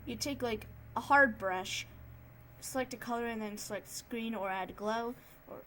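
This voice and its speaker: A woman narrating an improvised tutorial in a casual, subdued and somewhat monotone way. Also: a little high, moderate pace, a little hiss or hum. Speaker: tutorial host, digital artist.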